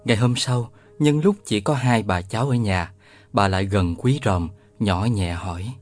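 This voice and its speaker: A man narrating a children's novel aloud in a lively storytelling manner. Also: lowish voice, moderate pace, soft background music. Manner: lively storytelling, voices all the characters. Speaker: audiobook narrator.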